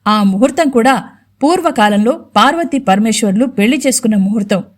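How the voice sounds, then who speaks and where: A woman's voice: on the high side, expressive, brisk. A stern young CEO husband, voiced by a woman speaks in firm, clipped orders. He is protective and short of patience in this audio storybook. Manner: firm, curt, commanding.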